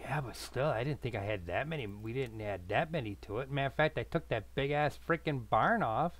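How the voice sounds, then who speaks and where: A man's voice: mid-range voice, animated, a little fast, fairly bright tone, no echo, low-quality recording. A man streaming a farming game, chatting casually with friends, swearing often and teasing them. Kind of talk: casual gaming chat.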